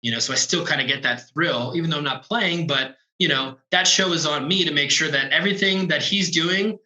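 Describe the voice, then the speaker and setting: A man's voice: on the high side, brisk, bright, forceful tone, reverberant, poor audio. A man talking about his touring work in a casual interview, laid-back and rambling, full of fillers, over a video call. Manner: laid-back, rambling, lots of "like" and "you know". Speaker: drum tech on tour, guest.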